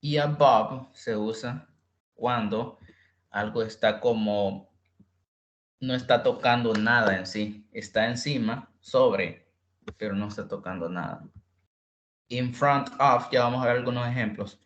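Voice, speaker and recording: A man teaching an online English class, repeating words slowly and quizzing his students. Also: medium pitch, a bit bright, roomy sound, muffled recording. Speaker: English tutor.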